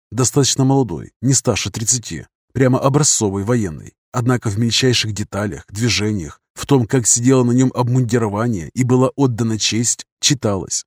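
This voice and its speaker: A man reading a military novel aloud as scripted narration, in an even, steady manner. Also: mid-range voice, no echo, studio quality. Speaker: audiobook reader.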